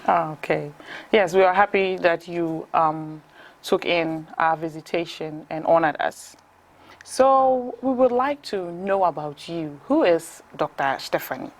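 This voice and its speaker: A woman's voice: lowish voice, animated, a little slow. A woman hosting an interview, welcoming her guest and encouraging her with frequent murmurs. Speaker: host.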